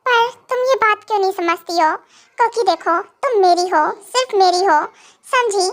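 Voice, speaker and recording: A woman's voice: extremely high pitch, normal speed. A woman voicing a stern, possessive young husband in a fan audio drama, scolding and then coaxing.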